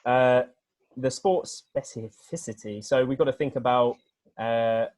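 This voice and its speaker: A man's voice: medium pitch, steady tone, measured pace, a little mellow, no echo. Earnest man explaining on a video call. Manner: earnest, rambling explanation with many restarts. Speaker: weightlifting coach, guest speaker.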